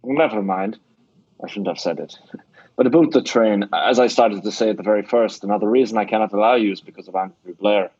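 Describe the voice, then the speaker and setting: A gruff Scottish theatre boss. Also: male voice, lowish voice, a little fast, darkish tone, dry recording. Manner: blunt, scolding, sly. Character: gruff middle-aged Scottish theatre owner, shrewd. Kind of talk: old-time radio drama acting. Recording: dull dry lo-fi radio recording.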